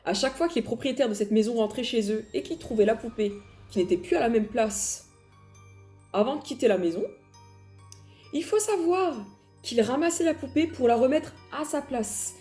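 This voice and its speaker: A woman's voice: on the high side, expressive, normal speed, warm tone, soft background music. A woman casually telling paranormal stories, chatty and laughing at herself, with dramatic emphasis. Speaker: paranormal storyteller. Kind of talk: casual storytelling.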